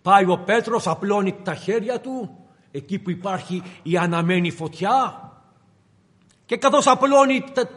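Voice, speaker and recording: A man's voice: sits high, fairly bright tone, long reverb tail. A man preaching a sermon, retelling the story dramatically and addressing the congregation directly.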